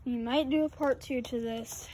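A woman with a fairly high voice talks casually as she explores overgrown grounds, filming on a phone she holds. She rambles and sometimes drops to hushed asides. Faint noise sits in the background. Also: fairly even intonation, moderate pace. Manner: chatty, dips into hushed asides. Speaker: vlogger exploring an abandoned farm. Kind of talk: casual handheld exploration vlog. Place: outdoors in an overgrown rural yard and derelict buildings. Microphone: phone camera held by the speaker.

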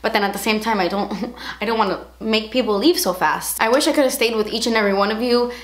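A woman's voice: on the high side, quick pace. A young woman vlogging in casual, emotional chat, saying "like" a lot. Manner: chatty and emotional, heavy use of "like". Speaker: beauty vlogger. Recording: roomy echo.

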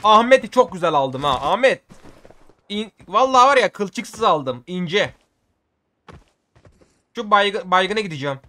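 A man giving excitable gameplay commentary for his video, often shouting at the game and using casual slang. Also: high voice, a little slow, pauses often, slight background noise. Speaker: gaming video creator.

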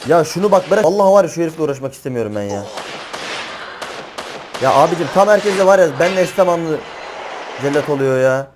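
A young man talks through his game in a raised, slightly high voice, full of slangy, exasperated chatter. Gunfire and game sounds clatter clearly underneath his commentary. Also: expressive, fast talker, pauses often, background noise. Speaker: gaming channel host. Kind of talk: live gameplay commentary.

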